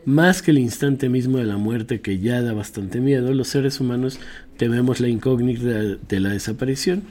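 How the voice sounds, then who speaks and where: A man reading a personal essay aloud in a measured, reflective way, now and then correcting a slip. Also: mid-range voice, a little mellow. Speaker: reader.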